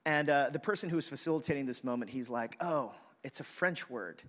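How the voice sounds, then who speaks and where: A man preaching a sermon as pastor, conversational and animated, telling stories and speaking to the congregation. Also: medium pitch, brisk. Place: church in a city, siren heard outside.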